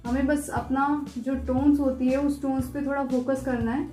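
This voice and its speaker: A woman art teacher talking through a step-by-step pencil shading tutorial, patient and repetitive, softly guiding the viewer. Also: sits high, level tone. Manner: patient, repeats instructions, soft and unhurried. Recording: echoey room with faint music.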